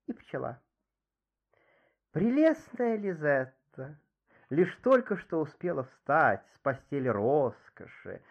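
A man reading a verse fable aloud with theatrical, highly expressive recitation, in a dull lo-fi recording. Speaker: reader.

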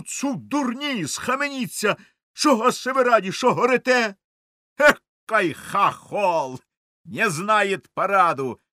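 A man performs a dramatic poetry recitation in an unhurried, deliberate way. His pitch ranges widely as he drops to hushed lines and then rises to loud, ringing ones. The sound is close and dry. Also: no echo. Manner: declamatory, with sweeping swings from hushed to loud.

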